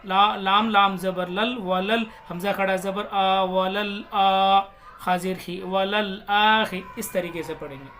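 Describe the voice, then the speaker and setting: A man teaches Quran reading, spelling out each letter and vowel mark before reciting the words slowly and drawn out. His voice is high and a bit bright, with a little hiss or hum in the background.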